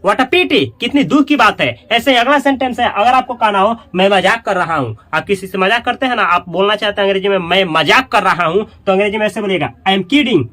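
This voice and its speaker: A man teaches spoken English to his viewers. He repeats every phrase slowly several times and talks to them directly and casually. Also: high voice, pushed and bright. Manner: chatty, addresses viewers directly. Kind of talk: Hindi-medium English lesson.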